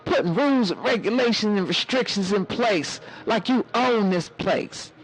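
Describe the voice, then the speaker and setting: A man putting on a sassy, hoarse elder woman. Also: high voice, expressive, normal speed, poor audio. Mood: preachy. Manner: sassy, calls listeners baby and honey. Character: sassy elder woman, preachy motherly sage. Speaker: live-stream host. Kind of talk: preachy casual live-stream talk.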